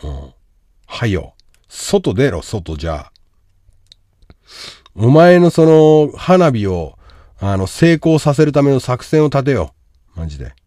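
A man hosting a livestream, reading out a viewer's love troubles and impatiently insulting him to join the call, dropping to mutters and then bursting into shouts. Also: mid-range voice, sing-song, takes it slowly, long pauses, no room sound, clean studio sound. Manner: brash, insulting, impatient, swinging from mumbles to shouts. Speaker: livestream host giving advice. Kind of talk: livestream chat reading comments.

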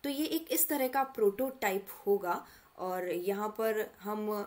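A woman mentor takes students through an online course portal in a screen-recorded tutorial, addressing them directly with patient step-by-step explanations. Her mid-range voice is a little mellow, and she takes it slowly.

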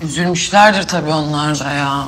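An actress playing an excitable, quick-tempered pregnant housewife who talks to herself a lot. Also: female voice, low-pitched, background noise, lightly acted. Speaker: pregnant wife. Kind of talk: TV drama acting.

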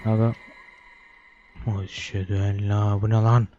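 A man's voice: on the low side, flat delivery, a little slow, highs cut off, music in the background. A young man giving joking horror game commentary, talking to the baby character and reading game text aloud. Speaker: gaming YouTuber.

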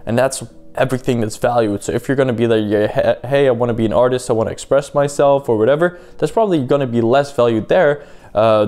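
A man's voice: mid-range voice, darkish tone. A man hosting a casual solo podcast, rambling with many fillers and asking the listener rhetorical questions, a little sleepy. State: sleepy, yawning at times. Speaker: podcast host.

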